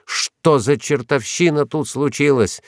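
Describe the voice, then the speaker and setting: A man voicing a stern, forceful wealthy husband who barks orders in a hoarse, commanding shout. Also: mid-range voice, unhurried, dry recording, clean studio sound, voice pushed up, close to an everyday voice. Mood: angry.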